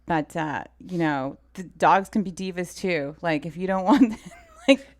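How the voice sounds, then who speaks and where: Her voice sits on the low side and moves at a moderate pace. She's a guest in an informal interview, an assistant director in film, telling stories with animated acted-out dialogue and frequent uses of "like."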